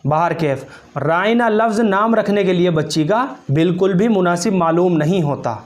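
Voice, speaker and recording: A man, an Islamic cleric, giving a formal religious lesson in a measured way, opening with Arabic recitation before explaining the meaning of a name. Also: high-pitched.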